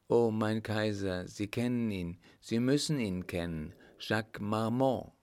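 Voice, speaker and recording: Male reader doing a slow, reverent poor widow, voice raised a little. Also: fairly low pitch, darkish tone, close to an everyday voice. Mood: anxious. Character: anxious poor widow, humble and devout.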